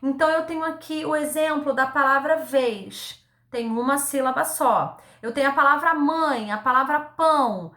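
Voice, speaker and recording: A woman teacher giving a recorded lesson to young children, speaking slowly and patiently, sounding words out syllable by syllable and checking in with a frequent "tá?". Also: high voice, a bit bright, reverberant. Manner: ends phrases with a checking "tá?". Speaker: primary school teacher.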